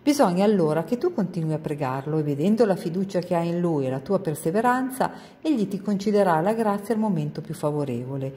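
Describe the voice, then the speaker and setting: A woman doing a gentle, soothing older lady. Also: on the low side, lively intonation, fast, few pauses, long reverb tail, lightly acted. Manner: soothing, patient.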